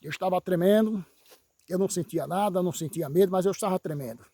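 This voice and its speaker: A man giving a dramatic testimony, emphatic, repeating phrases with dramatic pauses. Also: sits high, mellow, slight background noise. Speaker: evangelical brother giving a testimony.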